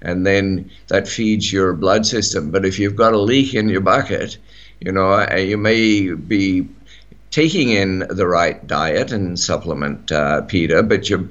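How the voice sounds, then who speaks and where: A man's voice: low voice, measured pace, fairly bright tone, lo-fi sound. A middle-aged man with an Australian accent, chatting on talk radio, rambling with many fillers and restarts. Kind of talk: casual talk radio chat.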